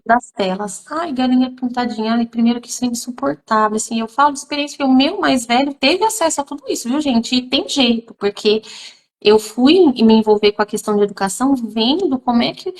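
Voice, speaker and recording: A woman, a literacy teacher who is also a mother, talking emphatically to viewers in a live stream, full of fillers and direct appeals. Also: high-pitched. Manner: emphatic, addresses audience directly, many fillers.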